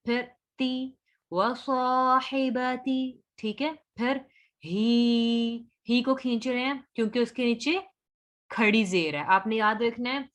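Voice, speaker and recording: A woman with a slightly high voice leads an online recitation lesson, slowly chanting each verse and then explaining it. She speaks at a slow, patient pace and repeats the hard words several times so students can follow along. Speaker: Quran recitation teacher.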